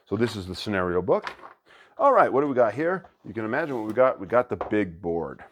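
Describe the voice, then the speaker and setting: A man hosting a board game channel, chatting excitedly as he unboxes a new game and thinks aloud. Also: on the low side, brisk, a little hiss or hum. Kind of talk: casual unboxing commentary.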